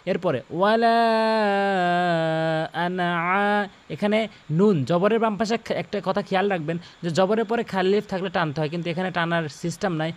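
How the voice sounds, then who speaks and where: A man teaching correct Quran recitation, slowly repeating words and correcting common mistakes. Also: high-pitched. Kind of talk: tajweed lesson with demonstrated recitation.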